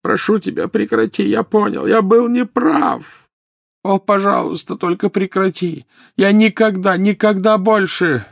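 A man voicing an elderly male wizard in agony, wailing and begging in a high, strained voice, in an audiobook. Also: a little slow, vocal fry, no room sound, studio quality. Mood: anguished pleading. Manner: wailing, pleading, shrieking high. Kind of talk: audiobook character voice.

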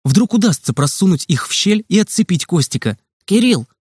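Живой выразительный мужчина-рассказчик. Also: male voice, high-pitched, fairly quick, husky, no room sound, studio quality. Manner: lively, expressive reading of a children's story. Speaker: narrator. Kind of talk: audiobook narration.

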